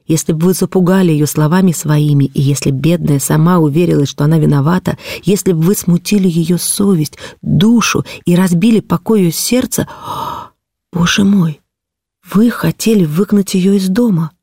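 Woman reading as an impassioned noblewoman, dark voice. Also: fairly low pitch, moderate pace, no echo, studio quality. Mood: indignant. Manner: pleading, breathless indignation. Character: distraught noblewoman defending her ward, impassioned. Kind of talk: audiobook character reading.

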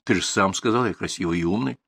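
A male narrator lends his voice to a young woman who answers everything plainly and evenly. Her voice sits low and dry. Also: fast, creaky, fairly bright tone, slightly rough, no room sound, heavily acted. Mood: matter-of-fact. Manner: plain, level, shrugging. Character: young woman, calm, matter-of-fact.

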